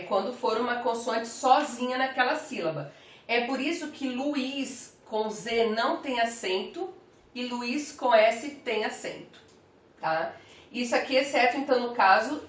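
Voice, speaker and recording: A woman's voice: on the high side, fairly bright tone. A woman teacher giving a grammar lesson, carefully saying one example word after another. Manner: slow, careful, spells out each example word. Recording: roomy, from some distance off the mic.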